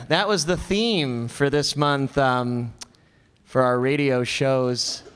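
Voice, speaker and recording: A man with a clean, medium-pitched voice hosts a live stage show, opening with a hesitant, rambling, informal introduction and joking with the small audience. The hall's long reverb carries through the recording.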